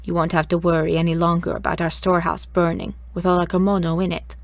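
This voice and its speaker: A woman voicing a harsh middle-aged housemistress with a raspy, lowered voice and a blunt, scornful manner. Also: little pitch movement, fast talker, dry recording. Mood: wheedling.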